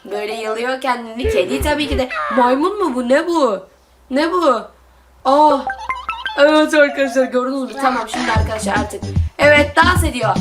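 An excited woman with a bright, high voice, hosting a game vlog and calling out to her viewers again and again. She repeats little phrases eagerly as she plays. Loud game music runs underneath her. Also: normal speed. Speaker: channel host. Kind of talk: excited app gameplay vlog.

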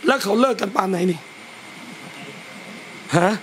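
High-voiced man giving a lively sermon. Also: a little slow, a little hiss or hum. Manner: lively, talks straight to listeners and acts out scolding parents. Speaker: Islamic religious teacher. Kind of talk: religious lecture to a gathering. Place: a private home gathering.

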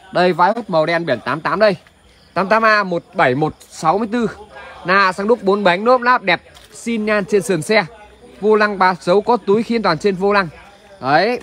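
A man with a northern Vietnamese accent pitching as a used car salesman on a livestream, chatting to viewers with repeated filler tags. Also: a bit bright. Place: large covered open-air car lot at night. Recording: noisy outdoor car lot ambience.

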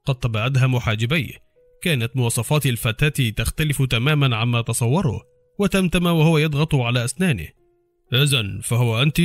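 Guy reading a spy novel aloud, mid pitch, dry close mic, faint music under. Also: fast, dry recording. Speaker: audiobook narrator. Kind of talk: scripted novel narration.

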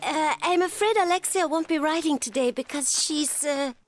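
Casting: woman playing polite, gentle young cartoon girl, high-pitched and hesitant, prominent music behind. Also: moderate pace, lightly acted. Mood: polite, evasive. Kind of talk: animated cartoon acting.

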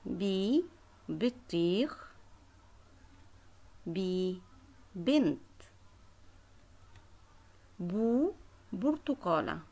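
A woman teacher leading a children's Arabic letter lesson, sounding out syllables clearly and praising her pupils. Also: medium pitch, expressive, warm tone. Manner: slow, clearly drawn-out syllables.

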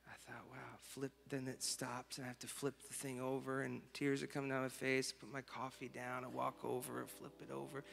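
Bright-voiced man preaching in a church. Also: mid-range voice, level tone, moderate pace, vocal fry, hardly any pauses. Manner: soft and reflective, swelling to fervent exclamations. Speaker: worship leader. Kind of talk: storytelling sermon. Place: large church auditorium. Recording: reverberant church hall with music.

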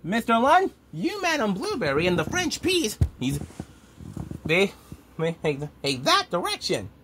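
A woman voicing a cheerful tomato character who leads his friends in a fan-made puppet show, talking haltingly with many restarts. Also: medium pitch, wildly swooping pitch, fairly bright tone, slight background noise. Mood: bossy.

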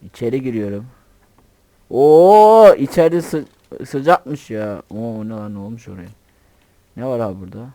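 A man giving excitable, joking commentary on his own gameplay, swearing playfully and talking to himself. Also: lowish voice, a little fast. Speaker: gamer.

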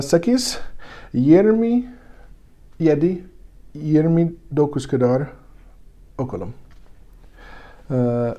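A man with a foreign accent, still learning Turkish, teaching the Bible in simple, broken, halting sentences with frequent self-corrections. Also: fairly high pitch, warm tone. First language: not Turkish, still learning it.

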